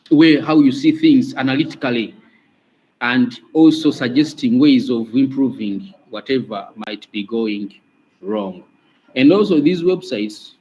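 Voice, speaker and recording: A man with a Ugandan English accent, a student speaking up in an online class, slow and deliberate with long pauses. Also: mid-range voice, darkish tone, breathy edge, muffled recording. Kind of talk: class discussion. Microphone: video call.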